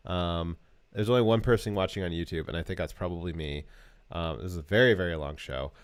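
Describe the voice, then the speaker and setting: Brief: low-pitched male livestream co-host, dry close sound, easygoing banter. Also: a little fast, clean tone, dry recording. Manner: relaxed, cooing over animal pictures. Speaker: podcast co-host. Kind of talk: casual livestream chat.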